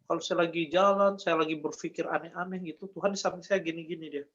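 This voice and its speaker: Man, high voice, earnest faith testimony, dull lo-fi sound. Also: steady tone, fast talker, fairly bright tone. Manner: earnest, repeats phrases, addresses listeners as brother and sis. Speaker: guest giving a testimony.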